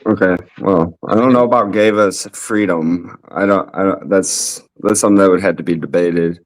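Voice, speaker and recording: A man with a slightly low voice reasons through an argument in an online debate. He hedges often and restarts his sentences. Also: moderate pace, rough recording. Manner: hesitant, hedging.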